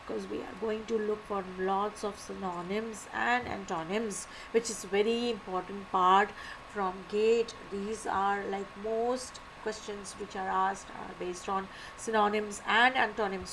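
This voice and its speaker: A woman giving a live online lecture, animated, repeating key words and asking and answering her own questions. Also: mid-range voice, a little slow, a little hiss or hum, rough recording. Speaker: teacher.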